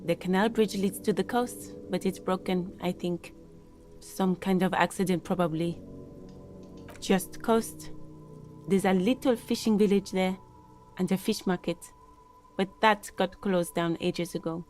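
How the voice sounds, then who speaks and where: A woman's voice: lowish voice, fairly even intonation, a little slow, darkish tone, soft background music, lightly acted. An actress playing a composed, guarded woman gardener in a video game, speaking in a matter-of-fact way.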